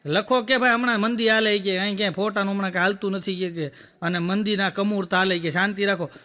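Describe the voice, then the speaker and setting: A man doing stand-up comedy, telling jokes rapidly and acting out the dialogue of his characters. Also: high-pitched, fairly even intonation, bright, forceful tone, big-room sound. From Gujarat, India. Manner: rapid joke telling, acting out quoted dialogue, frequent rhetorical "બોલો". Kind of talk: Gujarati joke telling on stage.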